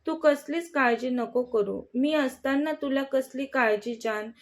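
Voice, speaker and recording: A woman voicing a young man in love, speaking softly and reassuringly in a storybook reading. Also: sits high, a little slow. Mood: tender, reassuring.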